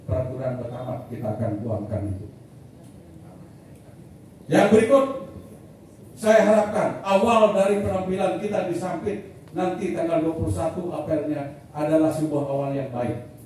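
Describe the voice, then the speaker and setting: A middle-aged man leading an organization, giving a blunt, military-style rallying speech that builds to loud repeated declarations. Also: on the high side. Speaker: leader of a community organization addressing members. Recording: echoey hall, mic far off, faint noise.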